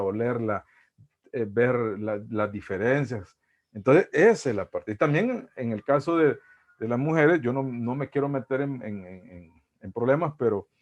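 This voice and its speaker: A male Salvadoran lecturer teaching over a video call, in a middle-pitched voice. He stumbles and repeats words as he thinks aloud, checking in with the class constantly. The audio is muffled and lo-fi. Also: darkish tone. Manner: halting, repeats words, tags "¿va?" often. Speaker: university psychology lecturer. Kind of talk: online lecture.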